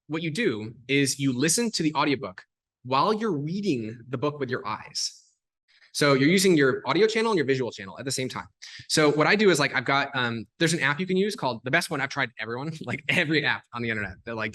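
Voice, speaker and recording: A man talking as a podcast guest, explaining things in a fast, animated way, full of "like" and "um" fillers. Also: mid-range voice. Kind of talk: casual explanatory conversation.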